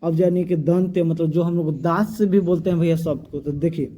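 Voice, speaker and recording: A man's voice: a little high, fairly even intonation, brisk, warm tone. A male grammar teacher, giving a classroom lesson and repeatedly asking his students questions that he answers himself. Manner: repetitive call-and-response questioning, drills sounds aloud.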